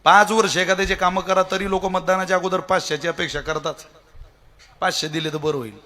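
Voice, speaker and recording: A man preaching a devotional kirtan sermon in a lively, humorous manner, talking straight to the crowd. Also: high voice, brisk. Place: festival pavilion. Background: faint tabla and instruments.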